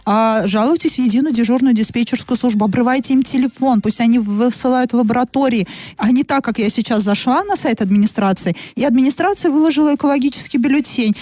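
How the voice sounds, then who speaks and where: A woman co-hosting a live radio discussion in a brisk, pointed and insistent way. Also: a little high, a little mellow, no echo. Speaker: radio morning show co-host. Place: radio studio.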